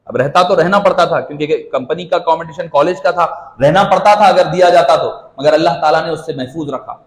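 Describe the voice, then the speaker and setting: High-voiced lecturer in an echoey hall. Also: male voice. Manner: teacherly, addresses the audience, explains with examples. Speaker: Islamic lecturer. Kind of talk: religious lecture.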